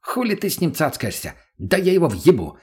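A man's voice: fairly high pitch, wildly swooping pitch, fairly quick, darkish tone, pitched above the performer's own voice. A man doing a barking profane junkie thug. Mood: aggressive. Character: crude trigger-happy male junkie thug.

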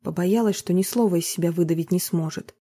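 A woman narrating a novel in a measured, even storytelling manner. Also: fairly low pitch, breathy edge. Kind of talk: scripted audiobook narration.

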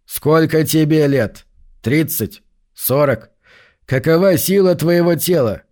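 A man voicing a proud, cold male android leader in an audiobook, speaking slowly and commandingly. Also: fairly high pitch, animated, mellow, voice pushed up.

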